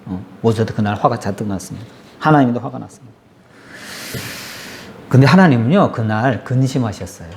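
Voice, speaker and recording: A man pastor preaching a sermon, telling the story with animated voices for the complaining crowd and asking his congregation questions. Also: medium pitch, a little fast, vocal fry, pauses often, slight background noise.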